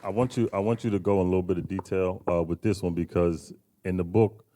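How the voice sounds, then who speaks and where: A man hosting a podcast, putting questions to his guest. His voice sits very low and sounds mellow and dark. He asks in a measured way, with a few pauses and restarts. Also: steady tone, a little hiss or hum. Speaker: podcast host. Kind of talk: interview questions.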